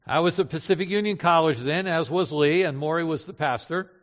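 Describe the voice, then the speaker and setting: Older male pastor preaching in a hall. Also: a little fast. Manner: storytelling, swings between loud emphasis and hushed low lines. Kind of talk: sermon. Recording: dull sound in a reverberant hall.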